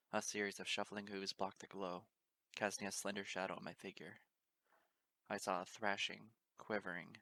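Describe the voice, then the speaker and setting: A man narrating a fan-fiction audiobook in the first person, reading in a steady, dramatic way. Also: lowish voice. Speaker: audiobook reader.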